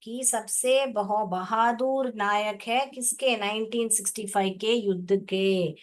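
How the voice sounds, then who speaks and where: A woman teacher, explaining a lesson slowly in Hindi, spelling words out syllable by syllable and asking the class questions that she answers herself. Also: mid-range voice.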